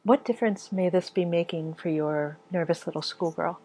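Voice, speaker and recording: Husky woman asking gentle coaching questions. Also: on the low side. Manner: slow, gentle questioning, affirming murmurs.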